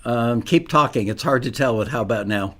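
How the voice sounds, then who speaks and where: A man's voice: medium pitch, a little fast, a bit bright. A middle-aged American man casually hosting a live online show, unscripted and chatty, rambling into asides.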